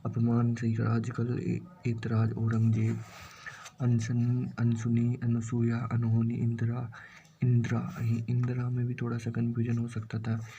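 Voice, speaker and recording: A man with a Rajasthani Hindi accent runs through lists of correct and incorrect spellings for an exam. His voice is dark and gravelly and barely moves in pitch, and he mutters some words under his breath. Faint noise sits behind the recording. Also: completely flat delivery, unhurried, dull audio. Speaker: exam coaching teacher. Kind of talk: exam-prep word drill.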